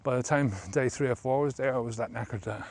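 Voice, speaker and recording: A man's voice: mid-range voice, steady tone, quick pace, creaky, darkish tone. 50ish guy vlogging on a trail, camera held out, lots of ums and you knows. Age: about 50. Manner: rambling, heavy with fillers. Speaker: sobriety coach. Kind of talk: casual vlog talk while walking. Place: outdoor scrubland trail. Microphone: handheld camera at arm's length.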